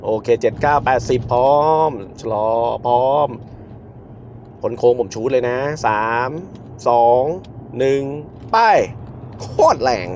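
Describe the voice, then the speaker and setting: A man reviewing a car from behind the wheel, counting down launches and shouting in excitement at the speed. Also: mid-range voice, slow pace, slight background noise. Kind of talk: car review while driving. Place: inside a car on the road.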